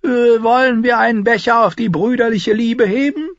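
A man's voice: very high-pitched, fairly even intonation, moderate pace, no echo, muffled recording, pitched above the performer's own voice. A male audiobook narrator voicing a witty, sly dwarf lord in a raised, mocking voice. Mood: wry. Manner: mocking, wheezing with laughter.

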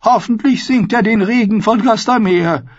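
A man voicing a sharp-tongued elderly noblewoman who leans on a cane, dry and cutting. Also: high-pitched, moderate pace, breathy edge, no room sound, lo-fi sound, voice pushed up. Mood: acerbic.

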